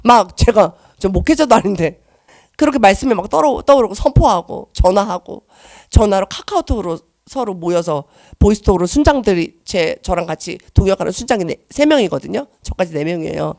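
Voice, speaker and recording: A middle-aged woman giving an emotional church testimony, earnest and shifting between soft and loud. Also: mid-range voice, animated, brisk, creaky, dry recording, clean studio sound.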